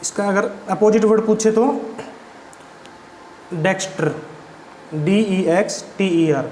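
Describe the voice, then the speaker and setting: High-voiced man spelling out vocabulary. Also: takes it slowly, a little mellow. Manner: spells words letter by letter, asks and answers his own questions. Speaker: vocabulary teacher. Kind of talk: classroom vocabulary lesson. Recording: echoey room with faint background noise.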